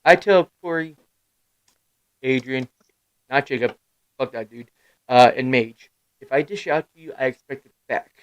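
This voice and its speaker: A man in his thirties hosting a live stream, rambling through casual stories in a middle-pitched voice. He swears freely, laughs at himself and breaks into loud bursts. The sound is dry and close, with no room around it. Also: a little slow, long pauses, no room sound, low-quality recording. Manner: rambling storyteller with sudden loud outbursts. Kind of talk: casual chat.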